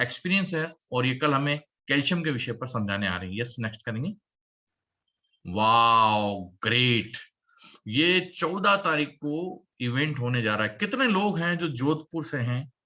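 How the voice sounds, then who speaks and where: A man presenting a work-from-home opportunity meeting, speaking in an upbeat salesman's pitch with emphatic repetition and calling for applause. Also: sharp tone.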